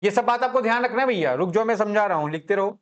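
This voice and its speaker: A man's voice: high voice, lively intonation, racing, lo-fi sound. A man teaching a commerce class in a chatty, joking way, often checking that students follow. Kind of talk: classroom lecture.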